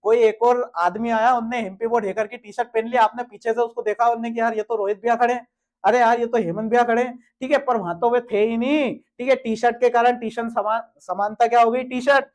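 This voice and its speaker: A man's voice: very high voice, fairly even intonation, fairly quick. A young man teaching a grammar lesson for an exam, asking the students questions and answering them himself.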